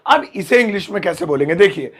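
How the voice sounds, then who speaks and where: A man teaching English phrases to Hindi speakers, drilling each phrase slowly word by word with playful asides to viewers. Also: high voice, expressive, fairly bright tone. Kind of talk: Hindi-language English lesson.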